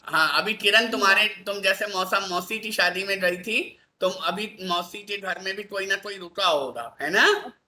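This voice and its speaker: A man teaching a class, his voice bright and ringing. He keeps checking on the pupils with little tag questions, coaxing answers out of them in an easy classroom way. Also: sits high, normal speed. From India. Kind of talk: classroom lesson.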